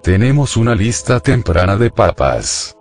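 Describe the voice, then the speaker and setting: A man reading a scripted religious reflection in a measured, declarative way. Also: on the low side, big pitch swings, creaky, a little mellow, faint music behind.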